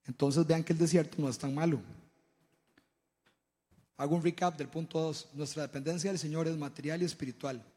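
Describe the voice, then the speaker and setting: A man speaks to a congregation in a sermon-style testimony, telling his stories with animation. He often stumbles and repeats words as he goes. His fairly high voice rings out with a long hall reverb. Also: fairly even intonation, fairly quick, pauses often, warm tone. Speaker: church speaker.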